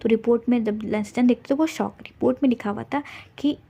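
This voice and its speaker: A woman's voice: a little high, quick pace, gravelly, mellow, breathy edge, dull audio. A young woman casually retelling a drama plot, rambling with many restarts and fillers.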